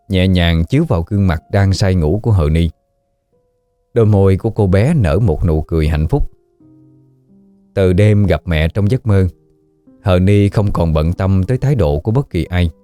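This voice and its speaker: A man narrating a ghost story audiobook in a slow, somber storytelling manner. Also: low-pitched, animated, warm tone, dry recording, faint music behind.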